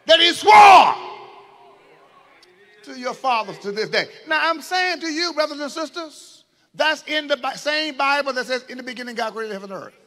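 A man preaching a sermon as a bishop, calling to the congregation and swinging from low asides to shouts. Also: animated, brisk.

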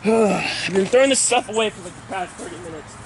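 A young man vlogging, shouting in frantic repeated bursts and going hoarse from screaming. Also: high voice, fairly quick, very noisy. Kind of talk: prank vlog, yelling.

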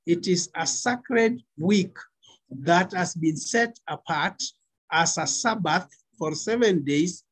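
A middle-aged male pastor with a Kenyan accent preaches over a video call. His voice is fairly high and rough-edged. He speaks very slowly, setting out each phrase with emphasis. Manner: deliberate, emphatic phrasing with pauses. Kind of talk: spoken sermon exhortation on a video call. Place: small indoor room. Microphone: computer mic on video call.

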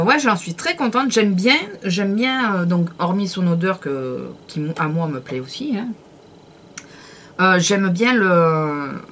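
A woman vlogger chatting through a casual beauty product review in a lowish voice. She talks in a hesitant, rambling way, full of fillers and little self-corrections. A faint hiss sits under her voice.

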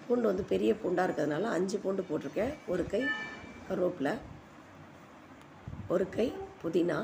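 A woman narrates a home recipe in a lowish, gravelly voice. She sounds hoarse, as if her voice is giving out. The voice-over is informal, with clear background noise. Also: normal speed. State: hoarse, voice giving out from a cold-weather strain. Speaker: home cooking video host. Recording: noisy home voice-over recording.

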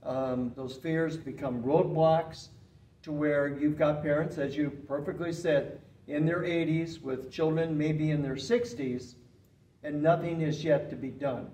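An older man speaking as a guest expert in an interview, explaining in an earnest, emphatic and steady way, seated in a small indoor studio room. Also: fairly high pitch. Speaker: retired farm management professor, guest expert. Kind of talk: interview answers. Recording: roomy, slightly distant, faint hiss.

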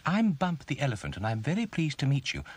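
A man's voice: on the high side, wildly swooping pitch, fast, husky, no echo, pitched above the performer's own voice, exaggerated voice. A man voicing a friendly, clumsy young male elephant who speaks politely and earnestly in a children's storybook. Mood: eager. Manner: polite, earnest, easily hurt.

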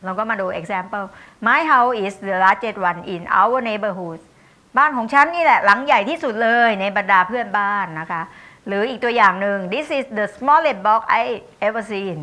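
A Thai-accented woman gives a university English lecture, her voice bright and clear. She speaks at a slow, unhurried pace, reading examples word by word. Between them she chats with her listeners and checks that they follow. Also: mid-range voice, lively intonation. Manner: explains warmly and chattily, with tag questions and asides.

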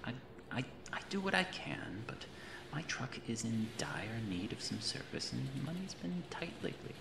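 For an ASMR horror roleplay, a man plays an eccentric mad reanimator, a creepy, cheerful captor who is fussily polite, theatrical, macabre and prone to rambling tangents. His mid-range voice is gravelly and sing-song, swooping widely at a moderate pace. The recording has a roomy echo over noisy ambient sound.

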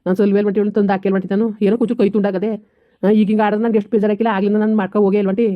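A defensive, grumbling village husband, played by a woman in a comedy skit, rattling off his complaints quickly. The sound is dry and dull, like a cheap lo-fi recording. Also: mid-range voice, level tone, no echo, natural voice.

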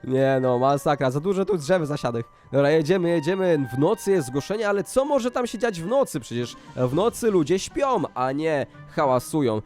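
Excitable high-voiced gaming YouTuber. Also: male voice, normal speed, hardly any pauses, faint music behind. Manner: excitable, exclaiming, chatty. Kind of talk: Minecraft role-play with shop plugs.

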